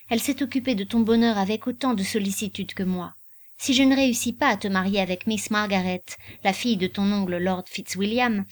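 A woman reading the part of a gentle, worried noble mother in an audiobook. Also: medium pitch, close to an everyday voice.

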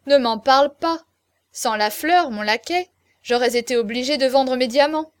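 A woman reading aloud, voicing a lively courtesan who spreads gossip with relish. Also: sits high, moderate pace, no echo, lightly acted. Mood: gossipy.

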